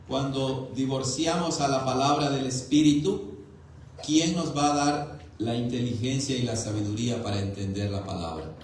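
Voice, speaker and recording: Male pastor, measured sermon delivery, mid-pitched voice, heavy church-hall echo over faint ambience. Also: a little mellow, slight background noise. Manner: slow, deliberate preaching with emphatic rises. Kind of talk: sermon teaching the catechism. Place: church sanctuary.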